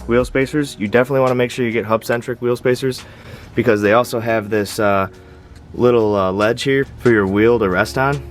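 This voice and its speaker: A man in his twenties hosting a casual car vlog outdoors in the snow, a little out of breath from the cold, relaxed and full of fillers. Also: medium pitch. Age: 20s. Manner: relaxed, filler-heavy, enthusiastic. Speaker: car channel host. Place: outdoors in snow beside a truck.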